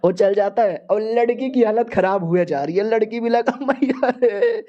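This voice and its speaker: A man's voice: sits high, normal speed, highs cut off. A man narrating a comic story recap in a slangy, joking, chatty way.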